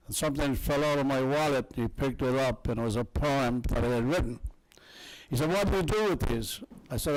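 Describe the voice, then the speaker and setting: An older Irish man with an Irish accent appears as a guest poet at a town meeting, telling wry stories with a chuckle and reading his poem. His voice is mid-range, and the recording is rough.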